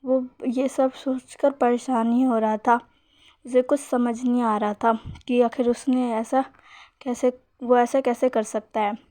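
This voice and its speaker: A woman retells a fan fiction story in a casual, running narration. Her voice sits fairly high, and she restarts words often as she hurries on. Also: level tone, warm tone, no room sound. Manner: quick retelling, frequent restarts. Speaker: fanfic storyteller.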